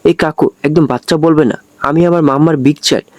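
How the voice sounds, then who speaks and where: A cheeky little girl scolds the grown-ups around her without a trace of fear, as a man reads her lines. She is bossy and sure of herself. Her voice sits fairly high and sounds dry and close. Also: fairly even intonation, brisk, darkish tone, no echo, close to an everyday voice. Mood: bossy scolding.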